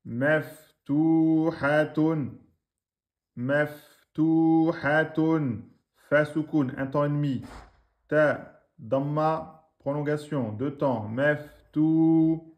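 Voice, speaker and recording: A man teaching a reading lesson, slowly drilling words syllable by syllable, with quick asides in between. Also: a little high, lo-fi sound. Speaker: Arabic teacher.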